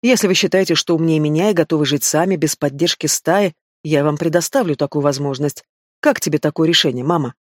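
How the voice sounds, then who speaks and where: A man's voice: on the high side, fairly quick, no room sound, studio quality, natural voice. A man reading the part of a stern, commanding young werewolf pack alpha in an audiobook. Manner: commanding, clipped.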